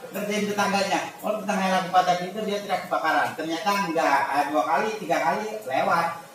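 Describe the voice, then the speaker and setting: His voice is high-pitched with fairly even intonation, and he talks a little fast while giving a religious lesson. After reading Arabic lines, he explains them informally and plays out brief scenes in quoted voices. The room echoes, the mic is distant, and there's noise throughout.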